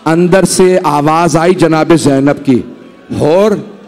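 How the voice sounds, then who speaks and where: A man's voice: sits high, animated, moderate pace, big-room sound. A man delivering an emotional mourning sermon at a religious gathering, dramatic and pleading, drawing out his phrases. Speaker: Shia majlis orator.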